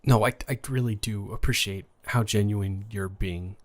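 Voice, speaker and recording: A man's voice: lowish voice, steady tone, normal speed, natural voice. A man playing a stammering nervous new boy. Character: anxious shy new boy at school, outcast. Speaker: audio roleplay performer. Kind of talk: romantic audio role-play.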